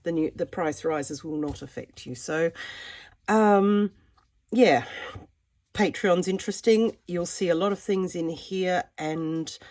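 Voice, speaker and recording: A middle-aged woman speaks in a slightly low voice made croaky by a cold. She chats casually, like an art vlogger showing a sketchbook, wandering a little and gently poking fun at herself. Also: slow. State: has a cold. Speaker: art vlogger, mixed media artist. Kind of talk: casual chatty sketchbook walkthrough.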